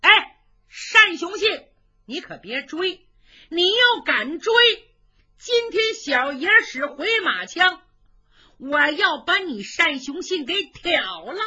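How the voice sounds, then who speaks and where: A sly young general full of swagger, as a woman storyteller puts him on, jumping from high boasts to low sneers with a lively bright edge. The sound is dull and a little lo-fi. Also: heavily acted. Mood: taunting. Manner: cocky, taunting, quick-talking.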